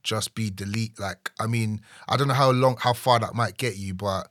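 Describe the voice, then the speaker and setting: A man's voice: fairly low pitch, moderate pace, fairly bright tone, dry recording. A young man with a London accent chatting casually and giving opinions in a slangy roadman way. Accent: London, urban slang.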